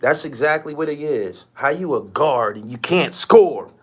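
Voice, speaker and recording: A man's voice: on the high side, moderate pace, breathy edge. Man ranting about basketball, profane and blunt. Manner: animated, blunt, swears a lot, rising to shouted outbursts. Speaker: basketball podcast host.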